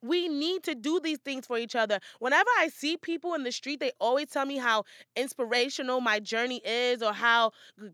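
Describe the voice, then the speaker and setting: A woman podcast host with a bright, fairly high voice, chatting in an upbeat, motivational way. The sound is close and dry, like a small recording space with no room echo. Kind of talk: casual solo podcast monologue.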